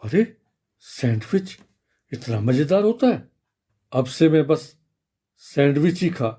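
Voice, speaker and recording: A man voicing a fussy little schoolboy in a children's radio story, talking in an excited, childlike way with his pitch jumping up. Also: measured pace, natural voice. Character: fussy little schoolboy who wants one food.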